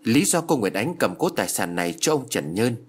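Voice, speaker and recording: A man voicing a stern middle-aged male court bailiff who reads out orders formally, in a husky voice. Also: mid-range voice, big pitch swings, a little fast. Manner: formal, pompous reading of orders.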